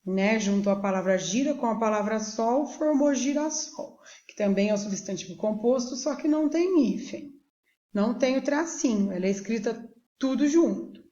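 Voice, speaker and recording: A woman teacher with a Brazilian Portuguese accent gives a recorded lesson for young pupils, explaining slowly and patiently and often checking that they follow. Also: fairly high pitch, expressive, mellow. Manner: slow, patient, checks in with "tá joia?". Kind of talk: recorded remote school lesson. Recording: echoey room, dull lo-fi sound.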